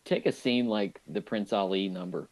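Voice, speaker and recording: A man co-hosting a movie podcast, chatting casually and enthusiastically about an animated film, often restarting his sentences. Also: lowish voice, moderate pace, low-quality recording. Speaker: podcast co-host.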